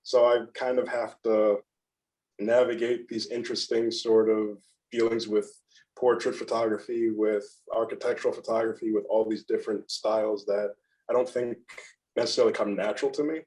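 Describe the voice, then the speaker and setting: A young man in a casual interview who talks in a soft, monotone, modest way, often playing himself down. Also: lowish voice, normal speed, poor audio. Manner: soft-spoken, modest, self-deprecating. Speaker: guest photographer.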